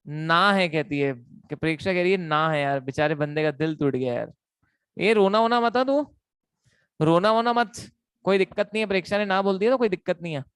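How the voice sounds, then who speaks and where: A man's voice: sits high, brisk, a bit bright, smooth, dry recording. Young guy teaching online, jokey and teasy, says stuff over and over, dry close sound. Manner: playful, teasing, repetitive. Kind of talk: online lecture.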